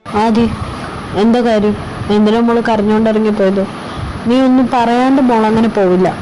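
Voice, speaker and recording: A woman's voice: on the high side, steady tone, normal speed, natural voice. A woman voicing a stern middle-aged father who questions and gives orders in a fan audio drama. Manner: commanding, questioning. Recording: clear background noise.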